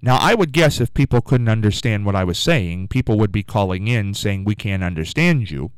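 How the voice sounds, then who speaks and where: He has a lowish, clean-toned voice with lively intonation and a moderate pace, heard on a low-quality recording without echo. As the host of a morning call-in show in a radio studio, he rambles and muses casually into a studio mic, often asking people to call.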